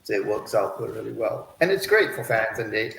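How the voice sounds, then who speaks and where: A man chatting informally and a little haltingly on a livestream as an author. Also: lowish voice, expressive, creaky, a bit bright. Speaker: author and publisher. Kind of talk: casual livestream chat. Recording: echoey room with faint noise.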